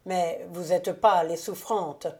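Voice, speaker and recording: A woman reading the lines of a proud, sardonic count with bitter scorn, slow and mellow. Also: fairly low pitch, fairly even intonation, lightly acted. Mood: scornful. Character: proud sardonic male count, cold and mocking. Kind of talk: audiobook character reading.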